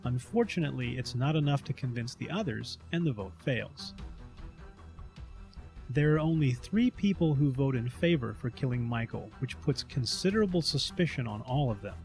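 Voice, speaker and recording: Male narrator, scripted game recap, mid-range pitch, soft music behind. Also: expressive, normal speed, gravelly.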